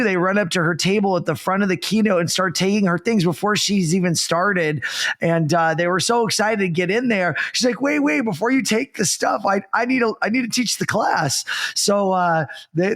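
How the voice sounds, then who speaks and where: Podcast host, male, high-pitched, animated storyteller, casual chat.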